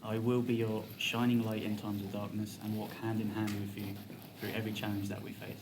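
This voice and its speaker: A man's voice: fairly low pitch, monotone, a little fast. A man with a Scottish accent reading his own wedding vows, earnest with bashful laughs. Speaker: groom renewing vows. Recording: background noise.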